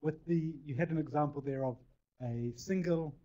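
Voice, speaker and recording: A man in the audience asking the speaker a careful, measured question after a talk. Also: fairly high pitch, dark tone. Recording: muffled lecture recording.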